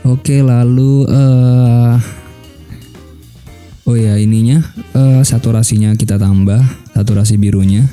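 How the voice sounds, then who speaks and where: A young man talking through a photo editing tutorial in a relaxed way, thinking aloud with many fillers. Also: mid-range voice, unhurried, long pauses, soft background music. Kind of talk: casual screen-recorded tutorial.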